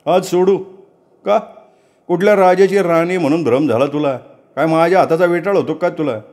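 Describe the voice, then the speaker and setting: A man's voice: fairly high pitch, moderate pace, darkish tone, voice pushed up, close to an everyday voice. A male storyteller voicing a hot-tempered young male servant who talks in coarse, bullying village speech. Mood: menacing.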